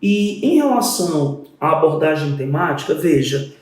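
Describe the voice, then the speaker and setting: A man's voice: on the high side, sing-song, moderate pace, echoey room, recorded from a distance. A male literature teacher, explaining a poem step by step and counting syllables aloud. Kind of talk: exam-prep literature lesson.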